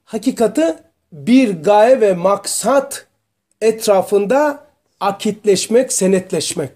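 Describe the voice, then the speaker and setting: A man teaching a religious study group, explaining terms slowly and asking his students questions. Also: high-pitched, animated, dark tone. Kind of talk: religious lesson to a small group.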